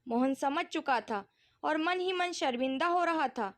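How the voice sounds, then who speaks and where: A woman narrating an emotional family story in a calm, measured storytelling manner. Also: high voice.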